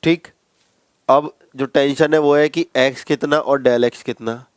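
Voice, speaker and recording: A man explains a maths problem to his class, checking in with the students and going over each step again. His voice is smooth and clear at a middle pitch. The recording is dry and close. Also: fairly even intonation, slow, no echo. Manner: conversational, addresses students as bhai, repeats steps. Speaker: maths teacher. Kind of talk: classroom lecture.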